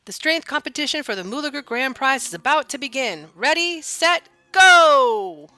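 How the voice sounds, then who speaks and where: An excited, booming prize announcer played by a woman calls a contest in a video game. The voice is pitched high, loud and bright, with a dry close sound. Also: normal speed, dry recording. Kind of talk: video game character read-aloud.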